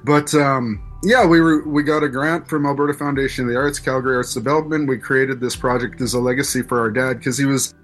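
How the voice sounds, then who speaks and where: Canadian man, forties, musician guest; reflective, unhurried, mid pitch, light music under. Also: steady tone, fairly bright tone. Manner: reflective, thoughtful, with restarts. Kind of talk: interview conversation.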